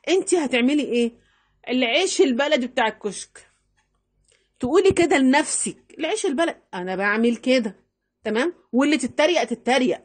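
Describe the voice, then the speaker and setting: A middle-aged woman with an Egyptian accent giving chatty, animated household money-saving advice, repeating herself for emphasis. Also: sits high. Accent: Egyptian Arabic. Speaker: home-economy vlogger. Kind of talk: casual advice talk to camera.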